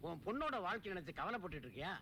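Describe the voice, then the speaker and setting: A man's voice: high-pitched, sing-song, very fast, sharp tone, slight background noise, exaggerated voice. An actor playing a cheeky village friend who teases his pal and gives him crafty advice about women. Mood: teasing. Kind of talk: Tamil film comedy acting.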